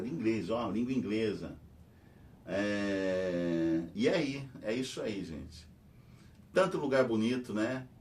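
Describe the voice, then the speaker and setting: Rambling Brazilian man, mic at a distance. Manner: rambling, filler-heavy, tag questions. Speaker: history and philosophy teacher hosting a news channel. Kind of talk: rambling casual commentary. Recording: distant mic with faint rumble.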